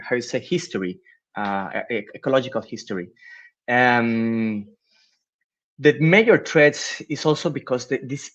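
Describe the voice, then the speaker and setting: Middle-aged man from Costa Rica, halting panel guest, lo-fi audio. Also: mid-range voice. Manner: halting, many repeated words and restarts. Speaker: marine biologist, panel guest. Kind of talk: panel discussion answer. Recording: lo-fi dull audio.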